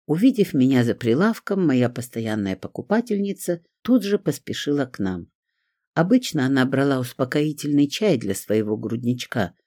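A man narrating a fantasy audiobook in an expressive storytelling manner. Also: mid-range voice, moderate pace, dry recording, studio quality.

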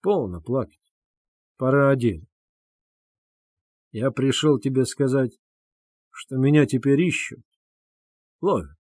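A man's voice: medium pitch, takes it slowly, pauses often, darkish tone, dry recording, studio quality. A man playing a tormented young man who speaks bitterly and sardonically in an audiobook. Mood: brooding.

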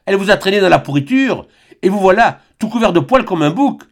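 A man's voice: a little high, animated, normal speed, pitched above the performer's own voice. A man voicing a zealous, furious friar who condemns in a thundering voice. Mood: raging.

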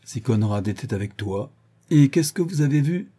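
A man's voice: mid-range voice, animated, moderate pace, dark tone, husky. A man voicing a drunk, mocking middle-aged villain who taunts his captive in an audiobook. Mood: sly scheming. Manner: sneering, jovial, taunting. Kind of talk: audiobook character voice.

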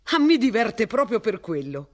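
A woman's voice: medium pitch, sing-song, normal speed, voice pushed up. A woman voicing a cheerful, overfamiliar young man with a breezy, chatty manner in a story reading.

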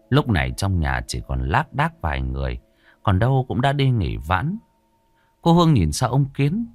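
A man narrating a ghost story in a suspenseful, expressive way. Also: lowish voice.

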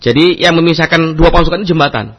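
A man giving a religious lecture as a preacher, telling a story in an animated way and acting out the people in it. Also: a little high, fast. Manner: animated, acts out quoted voices, mixes in Arabic terms. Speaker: Islamic preacher.

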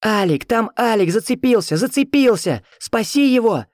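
A man voicing a frantic middle-aged woman, stammering and pleading at a shout in an audiobook. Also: high voice, animated, moderate pace, no room sound, studio quality, pitched above the performer's own voice.

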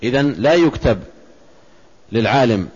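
A man giving a measured religious lesson, explaining a text line by line and reciting verses and quotations. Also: mid-range voice, lively intonation, darkish tone, highs cut off. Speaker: Islamic scholar teaching a text.

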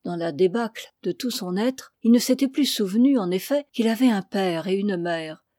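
Mellow woman reading a novel aloud. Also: medium pitch, dry recording, studio quality. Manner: measured, expressive reading. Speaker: audiobook reader. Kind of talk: literary audiobook narration.

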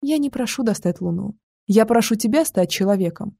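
A woman voicing a grieving mother who pleads softly and earnestly with her grown son, in an audiobook. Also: mid-range voice, expressive, brisk, vocal fry, slightly rough, no room sound, studio quality. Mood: pleading.

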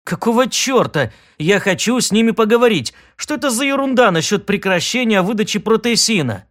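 A belligerent, indignant man making demands, as an audiobook reader plays him. His voice rises high and loud, pushy and impatient. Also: expressive, normal speed. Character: Sid, indignant respectable male citizen.

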